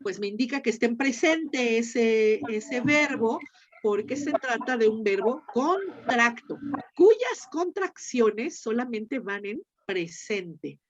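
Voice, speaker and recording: A woman teacher with a Mexican Spanish accent lectures at an unhurried, deliberate pace, her voice sitting a little high. She patiently repeats each form, as if dictating to a class. The recording sounds dull and lo-fi. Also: animated. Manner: patient, spells out forms slowly and repeats them. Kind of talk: lecture on ancient Greek verbs.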